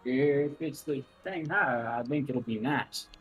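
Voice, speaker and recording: A man voicing a very shy teenage girl in a fan reading of a visual novel, speaking hesitantly and softly. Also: mid-range voice, slow, breathy edge, soft background music. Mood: timid. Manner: hesitant, soft-spoken.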